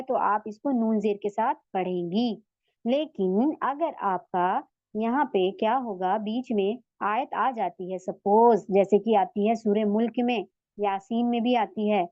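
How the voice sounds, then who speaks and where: A woman's voice: a little high, dry recording, dull audio. A woman teaching a tajweed lesson, explaining patiently and checking in with her students often. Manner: explains patiently, then recites words slowly. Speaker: Quran recitation teacher.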